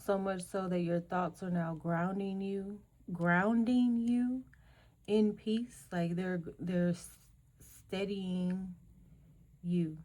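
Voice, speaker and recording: A woman hosts a spiritual energy reading, speaking haltingly and listing words one by one with pauses and fillers. Her voice is lowish, mellow, and flat in delivery, and she's losing it, clearing her throat again and again.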